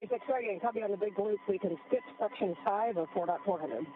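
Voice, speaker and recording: An astronaut's voice reaches the ground over a breaking-up space radio link, squeezed thin and tinny like a phone line. The delivery is clipped and procedural, all readbacks and call signs, at a mid pitch. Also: quick pace, no room sound. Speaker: astronaut crew member calling from spacecraft. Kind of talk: terse radio exchange with mission control. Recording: tinny crackling radio downlink.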